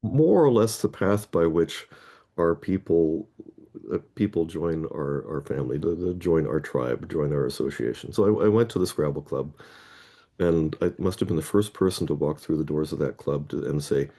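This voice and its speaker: With a rumbling bass voice and dark tone, the head of a Scrabble players association, a middle-aged man from Toronto, rambles through anecdotes at a moderate pace. His intonation is lively, and as a chatty, digressive interview guest he often rephrases mid-sentence.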